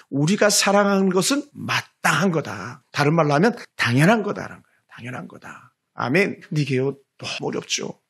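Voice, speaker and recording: Fast-talking gravelly male pastor preaching. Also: on the high side. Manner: repetitive, emphatic preaching with frequent hallelujahs; speaks quickly. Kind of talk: sermon.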